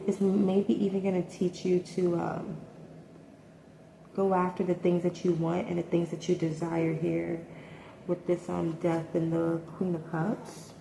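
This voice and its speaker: Woman, lowish mellow voice, hesitant tarot reader, roomy echo with faint hiss. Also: little pitch movement, a little slow, vocal fry. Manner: hesitant, thinking aloud with many ums and likes. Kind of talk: casual tarot reading. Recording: echoey room with faint noise.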